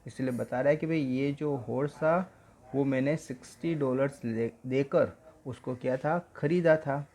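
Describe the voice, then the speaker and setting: A male teacher explains an English story in Hindi, slowly reading the English lines aloud before breaking them down in a mix of Hindi and English. His voice is medium in pitch with a darkish tone.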